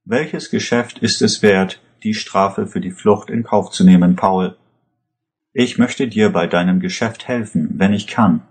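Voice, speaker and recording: A man's voice: on the low side, unhurried, lightly acted. A man voicing a worried middle-aged pharmacist, an anxious father asking earnest questions.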